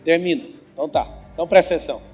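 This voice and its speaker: A man with a high-pitched voice delivers a motivational talk with religious teaching to a live audience. He keeps teasing and quizzing the crowd. The sound carries a long hall reverb with faint music under it. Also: rapid-fire, darkish tone, breathy edge. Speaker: motivational speaker. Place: large event venue with live audience.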